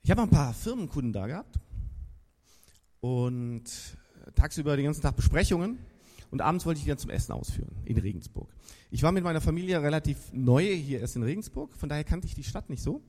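A man's voice: on the high side, warm tone. A man preaching a sermon at a church service in a casual, enthusiastic and slangy storytelling way. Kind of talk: lively sermon.

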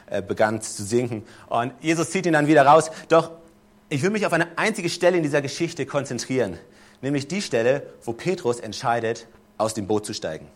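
A man's voice: mid-range voice, lively intonation, fairly quick. A man preaching a sermon to a live congregation. He tells the story casually and keeps checking in with his listeners. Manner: conversational storytelling, checks in with the audience.

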